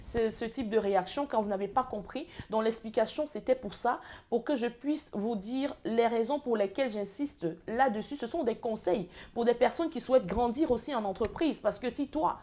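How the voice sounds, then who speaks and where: A woman with an accent and a voice on the high side talks straight to the viewer in an advice vlog. She lectures earnestly, halting often on fillers and restarting her phrases. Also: mellow. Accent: speaks with an accent of her own. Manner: hesitant, with frequent fillers and restarts. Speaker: call center advice creator, former recruiter. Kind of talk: direct-to-camera advice vlog.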